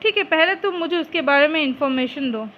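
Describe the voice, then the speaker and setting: A woman's voice: high voice, a little fast, muffled recording, slight background noise, lightly acted. Woman playing a lovestruck, scheming young woman. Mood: frantic.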